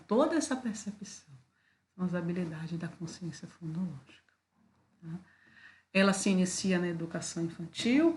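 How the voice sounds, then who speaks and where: A woman with a Brazilian Portuguese accent and a fairly low voice gives a recorded lesson, explaining each idea step by step. She keeps checking in with her listeners as she goes. A faint hiss sits under the recording. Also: a little mellow. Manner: explanatory, with frequent "tá?" and "né?" check-ins. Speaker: teacher. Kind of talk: video lecture.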